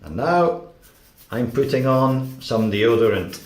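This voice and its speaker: A man teaching English, slowly narrating everyday actions in a clear, deliberate way. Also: mid-range voice, expressive, roomy sound, a little hiss or hum. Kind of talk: slow, simple narration of daily actions.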